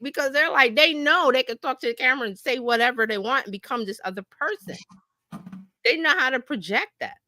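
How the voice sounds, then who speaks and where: A woman running a casual live-stream session as a marketing coach stays animated and chatty, acting out imagined comments and regularly checking in with listeners. Her pitch is fairly high, and the recording is dry.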